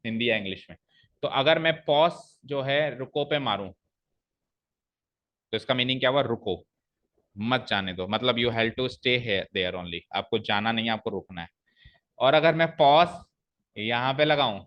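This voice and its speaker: A male maths teacher explains a problem step by step to his class, asks them questions and reads expressions aloud slowly, stressing the pauses. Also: medium pitch, highs cut off.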